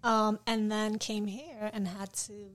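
A woman's voice: mid-range voice, level tone, slow. A young woman from Poland with a Polish accent, an artist guest speaking in a reflective, hesitant way in a casual interview.

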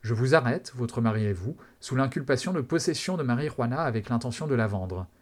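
A man voicing a deranged giant cop in a read-aloud story, speaking in a flat robotic voice that breaks into screaming. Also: mid-range voice, fairly quick, close to an everyday voice.

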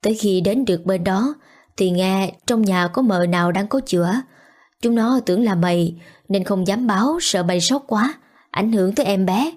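A woman voicing a wealthy older woman making excuses in a hurried, defensive way. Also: medium pitch, darkish tone, close to an everyday voice. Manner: quick and self-justifying.

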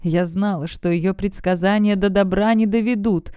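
Suspicious spider-woman, sharp and doubtful, read by the narrator. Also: mid-range voice, steady tone, moderate pace, smooth, no room sound, clean studio sound, lightly acted. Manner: distrustful.

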